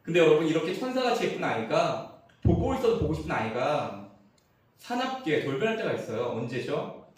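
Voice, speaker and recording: Man, 40s, pastor, humorous sermon, lively pitch, hushed to emphatic, very echoey church, distant mic. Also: fairly quick. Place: church sanctuary.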